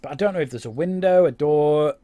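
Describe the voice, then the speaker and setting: A man's voice: fairly high pitch, brisk, warm tone. A man giving casual, rambling commentary over his own gameplay, with many fillers and restarts. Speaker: game YouTuber.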